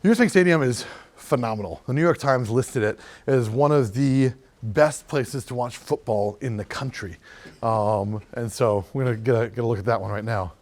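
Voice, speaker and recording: A man's voice: medium pitch, moderate pace, darkish tone. A man, chatty and enthusiastic, laughing often as he guides a walking tour through city streets outdoors.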